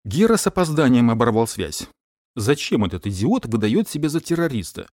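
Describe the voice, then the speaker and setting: Expressive male audiobook narrator. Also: medium pitch, brisk, no room sound, studio quality. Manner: expressive storytelling with lively voiced dialogue.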